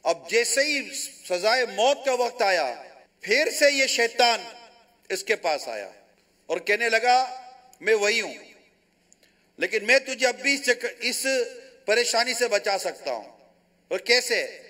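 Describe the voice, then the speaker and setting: A Pakistani man gives a sermon as a religious scholar, with a fairly high voice. He tells a moral story and brings it to life by acting out the characters' dialogue. His telling is lively. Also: pauses often. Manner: animated storytelling with quoted dialogue.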